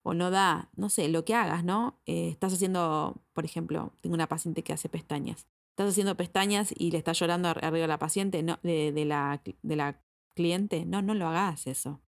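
Animated Argentine woman giving advice. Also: fairly low pitch, moderate pace, creaky. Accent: Argentine Spanish. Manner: animated, direct, repeats words for emphasis. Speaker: psychologist. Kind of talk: advice talk to camera.

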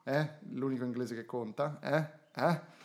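A man's voice: medium pitch, steady tone, a little slow. A man hosting a casual comedy podcast, teasing and joking with his friends. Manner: jokey, teasing banter. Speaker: podcast host.

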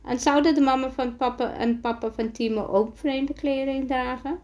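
A woman's voice: high-pitched, fairly even intonation, moderate pace, a little mellow, lo-fi sound, pitched above the performer's own voice, close to an everyday voice. A woman reading as Elle, an eager little witch girl. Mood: curious. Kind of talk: storybook read-aloud.

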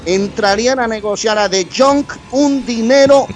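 High-voiced, excitable man on radio. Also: unhurried, soft background music. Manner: excitable, teasing, hypes news. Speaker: radio show co-host. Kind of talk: casual radio banter. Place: radio studio.

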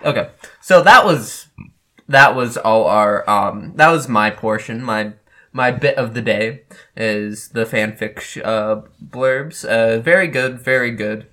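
A man's voice: mid-range voice, slow pace, bright, forceful tone. A young man co-hosting a casual podcast, playful and rambling with fillers. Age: young adult. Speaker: podcast co-host. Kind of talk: casual chat.

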